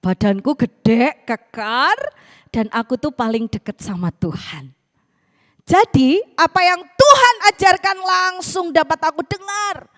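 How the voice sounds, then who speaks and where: A smug, towering coconut tree lectures its smaller neighbour as if it stands closest to God, as a woman preacher voices it. The voice rises fairly high and swings widely in pitch. A long church-hall reverb trails each phrase. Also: expressive, unhurried, a bit bright. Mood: boastful. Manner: bragging, scolding, self-important.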